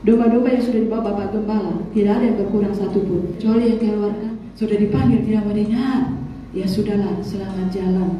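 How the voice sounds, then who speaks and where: A woman's voice: mid-range voice, dark tone, slight background noise. Scolding woman preaching in an echoey church. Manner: scolding, mimics voices, colloquial. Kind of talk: sermon. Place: church hall. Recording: very echoey church hall, mic at distance.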